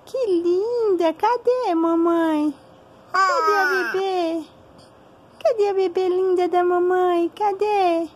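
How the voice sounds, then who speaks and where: A woman with a very high, drawn-out voice coos at her infant daughter. She talks slowly, in a sing-song, repetitive way. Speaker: mother. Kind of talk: baby talk to an infant.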